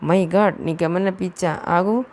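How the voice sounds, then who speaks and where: Woman reads stern, short-tempered young man, harsh and scolding, low with grit. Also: normal speed, darkish tone, natural voice.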